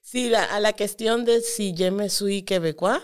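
A woman's voice: medium pitch, normal speed, smooth. A woman who is a native Spanish speaker, talking conversationally in French with a foreign Latin American accent, often searching for words. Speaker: interview guest, immigrant. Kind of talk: casual conversational interview.

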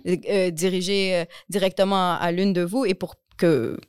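A woman's voice: on the low side, fairly even intonation, normal speed, a little mellow, clean tone, no echo, clean studio sound. Laughing middle-aged woman interviewer. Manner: laughs often, hesitant with many fillers. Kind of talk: casual interview.

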